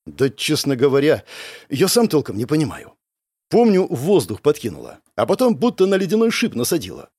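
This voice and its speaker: A man's voice: a little high, wildly swooping pitch, fairly quick, darkish tone, slightly rough, no echo, studio quality, full character voice. A man doing a shy shaken young student. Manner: hesitant, bashful. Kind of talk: audiobook character voice.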